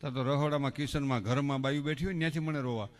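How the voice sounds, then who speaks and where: A middle-aged folk performer and joke-teller with a Kathiawadi Gujarati accent tells folksy comic stories live on stage before a crowd in a religious festival pavilion, speaking into a stand-mounted stage microphone. His medium-pitched voice races along with fairly even intonation as he addresses the crowd as elders and acts out the villagers he quotes.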